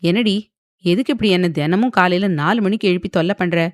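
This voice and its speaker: A woman's voice: mid-range voice, fairly quick, no room sound, studio quality, lightly acted. A woman voicing an irritable young husband who scolds and mocks his wife. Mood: irritated. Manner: grumbling, scolding, mocking.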